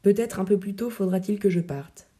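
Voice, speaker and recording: Woman voicing proud teasing poet guy who's dying, audiobook play, mellow voice, wry lyrical verse. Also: mid-range voice, brisk, lightly acted. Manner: gently mocking, lyrical verse delivery. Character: aging male poet-soldier, proud, teasing, secretly dying. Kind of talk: audiobook reading of verse drama.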